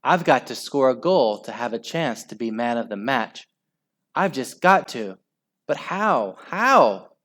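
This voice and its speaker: A man's voice: medium pitch, very animated, a little slow, a bit bright. A man voicing Horrid Henry's kind of character, a sly and defiant young boy who shrieks and protests, in a children's storybook. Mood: scheming.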